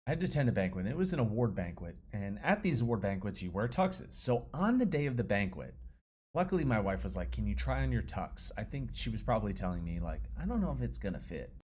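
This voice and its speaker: A man in his thirties, a fitness coach, telling his story in a casual, slangy, animated way. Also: fairly low pitch, fast talker, a little hiss or hum.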